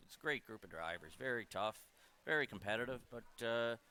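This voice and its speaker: A plain-spoken man, a harness driver, giving casual, halting interview answers. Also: medium pitch, animated, bright, forceful tone, clear, resonant tone.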